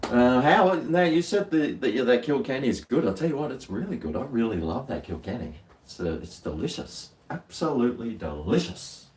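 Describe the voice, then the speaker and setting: A man's voice: mid-range voice, very animated, normal speed, few pauses, darkish tone. An Australian man chatting casually to viewers over a beer, rambling in a laid-back, slangy, working-bloke way. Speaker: livestream host. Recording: roomy echo, distant microphone.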